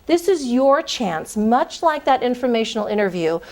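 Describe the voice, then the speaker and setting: A woman's voice: a little high, big pitch swings, moderate pace, darkish tone. A woman recruiter giving career advice in a conversational, emphatic way, speaking directly to her listeners. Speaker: corporate recruiter.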